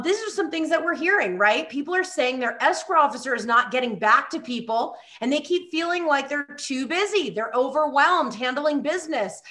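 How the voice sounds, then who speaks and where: A woman's voice: high voice, sharp tone. A woman hosting a podcast, upbeat and enthusiastic as she introduces her guests and asks questions. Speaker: podcast host. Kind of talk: podcast interview.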